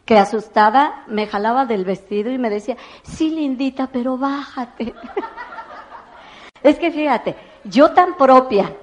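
A woman's voice: on the high side, a little hiss or hum. A woman telling a personal story on stage, acting out the voices of the people in it. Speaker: motivational speaker.

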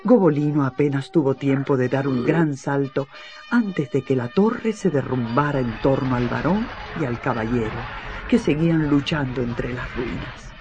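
A storyteller giving an expressive reading of a children's fairy tale. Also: mid-range voice, moderate pace, highs cut off, over music. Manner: expressive, lively. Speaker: narrator. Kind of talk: storybook narration.

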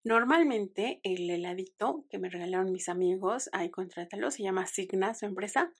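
A young woman with a Mexican Spanish accent, hosting her show in a chatty, expressive, self-mocking way. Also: mid-range voice, normal speed, husky. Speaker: podcast host. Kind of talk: casual chat.

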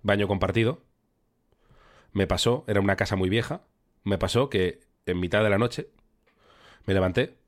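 Lively young podcaster. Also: male voice, on the low side, normal speed, long pauses. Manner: animated storyteller, acts out voices. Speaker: podcast co-host. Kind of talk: casual chat.

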